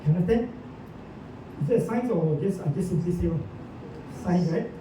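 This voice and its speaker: A man's voice: lively intonation, moderate pace. Man quizzing a room, echoey and distant. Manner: keeps quizzing listeners with questions, many "ah" and "uh" fillers. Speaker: presenter. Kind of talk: informal lecture to a small group. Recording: echoey room, distant mic, dull sound, rumbling noise.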